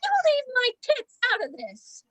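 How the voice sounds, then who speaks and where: Over a video call, a woman reads the part of a prim, indignant member of a village drama group in an amateur play reading. Her high-pitched voice swings widely in pitch and is unhurried, and the audio sounds dull.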